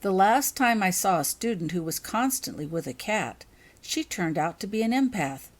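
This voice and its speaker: A woman's voice: mid-range voice, lively intonation, moderate pace, natural voice. Serene, detached Professor Lovegood, read by a woman. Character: serene, dreamy, unconcerned female magic-school professor.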